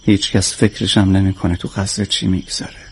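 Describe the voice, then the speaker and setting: A man's voice: low-pitched, level tone, slight background noise. An actor dubbing a headstrong male filmmaker who talks back defiantly. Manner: defiant, stubborn. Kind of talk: dubbed film acting.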